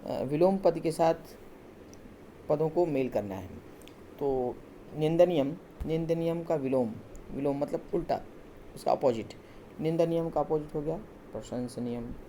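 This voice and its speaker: A male teacher explaining textbook exercises in a recorded class, patient and step by step, with hesitant pauses. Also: on the high side, warm tone, slight background noise.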